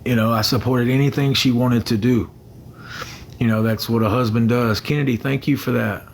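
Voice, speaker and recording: Chatting casually with viewers on a phone livestream, a young male host rambles, circles back over the same points and thanks people by name. His mid-range voice stays fairly even in intonation at a moderate pace, with a little hiss or hum in the audio.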